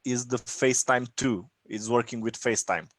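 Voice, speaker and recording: A man's voice: mid-range voice, normal speed, no echo. A man hosting a live Q&A over a video call, answering with brief, attentive replies. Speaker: host of a live Q&A.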